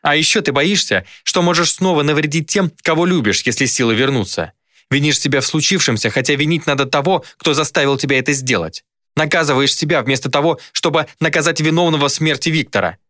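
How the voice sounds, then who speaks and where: A man's voice: fairly high pitch, pushed and bright, dry recording, studio quality, pitched above the performer's own voice. A man voicing a cruel, mocking female demon who taunts coldly. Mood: taunting. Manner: sneering, cold, unhurried taunts.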